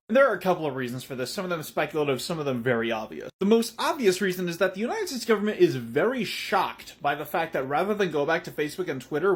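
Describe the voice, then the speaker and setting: A man with a somewhat high, husky voice delivers opinionated news commentary. He explains briskly, with a sardonic edge. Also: fairly bright tone.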